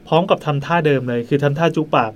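A man hosting a podcast, telling a ghost story in a quick, chatty way into a studio mic. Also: fairly high pitch, a little hiss or hum. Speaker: podcast host.

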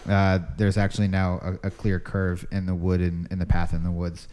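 A man narrating an improvised tabletop game as game master, setting scenes in a deliberate, pausing way. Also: sits low, flat delivery, dark tone, a little hiss or hum.

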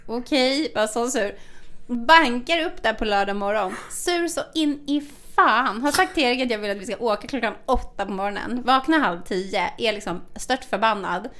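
A woman co-hosting a podcast, telling a story in casual chat, swearing freely and acting out the dialogue. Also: a little high. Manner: animated, swears a lot, acts out quoted dialogue. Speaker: podcast co-host.

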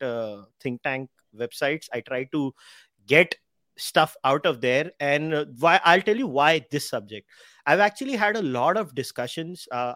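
A man's voice: fairly high pitch, a bit bright, dry recording. A man hosting a podcast, talking conversationally and emphatically, candidly slipping between English and Hindi. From India. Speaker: podcast host. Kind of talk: conversational interview talk.

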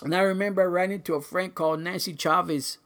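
An older man giving a personal church testimony, earnest and halting, with many pauses and fillers. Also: high voice, fairly even intonation, a bit bright.

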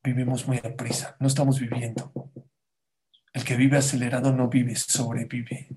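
A man giving a Torah lesson, swinging between loud outbursts and hushed asides and asking his listeners many rhetorical questions. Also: medium pitch, level tone, moderate pace. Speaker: rabbi teaching Torah.

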